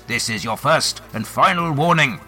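A man's voice: medium pitch, lively intonation, moderate pace, soft background music, voice pushed up. A man voicing a stern male airship officer whose voice is magically amplified as he barks orders at prisoners during a tabletop game narration. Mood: commanding. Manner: commanding, shouted orders.

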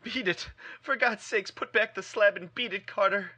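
A man voicing a terrified man trapped underground, crying out frantically in high, strained pleas. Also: normal speed, pushed and bright, slightly rough, exaggerated voice. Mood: frantic.

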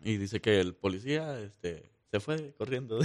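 A man's voice: lowish voice, animated, measured pace, heavy background noise. A man hosting a morning radio show, chatting playfully and telling jokes. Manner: playful, laughs easily, reads ads. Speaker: radio host. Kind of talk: casual radio banter and joke telling.

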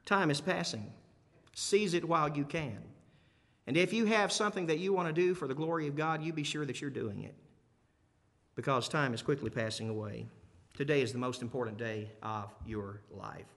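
This preacher's voice is fairly high and fairly bright, moving at a normal speed. He addresses a congregation emphatically but conversationally, repeating key phrases and asking his listeners questions, and the audio carries a long hall reverb.

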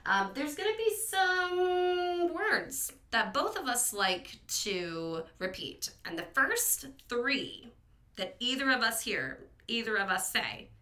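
A young woman from Virginia, co-hosting a casual podcast, chatty and quick to laugh at herself. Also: on the high side, sing-song, pushed and bright. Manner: chatty, laughing, self-deprecating. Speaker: podcast co-host. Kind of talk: casual chat.

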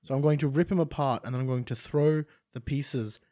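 A man's voice: medium pitch, fairly quick, mellow. A man casually describing his character's moves as a player in a tabletop role-playing game.

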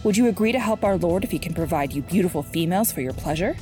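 A woman's voice: on the low side, expressive, fast, mellow, soft background music, natural voice. A woman voicing a loyal, anxious male servant in an urgent, respectful storybook reading.

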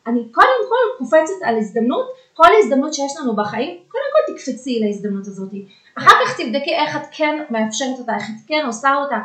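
A woman with a fairly high voice talks as a guest coach on a podcast. She is earnest and emphatic, and often hangs on hesitation sounds before pressing her point. The room around her is noticeably echoey. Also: very animated, bright, forceful tone. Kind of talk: casual podcast conversation. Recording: roomy echo.

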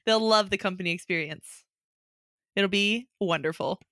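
A woman's voice: medium pitch, normal speed, fairly bright tone, no room sound. A woman co-hosting a podcast, chatting casually in a playful, joking manner. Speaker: podcast co-host. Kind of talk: casual chat.

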